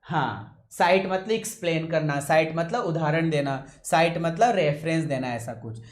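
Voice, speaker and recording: Guy teaching english words, keeps asking students "clear hai", trying to talk slow, echoey room. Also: a little high. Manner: keeps checking with students, calls them son; deliberately slowing his usually fast speech. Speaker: English teacher for exam coaching. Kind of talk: classroom lecture.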